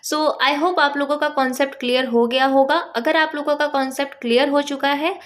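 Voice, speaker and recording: A woman teaching English grammar in Hindi, saying each English example slowly and clearly. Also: sits high, steady tone, fairly bright tone. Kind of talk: spoken grammar lesson.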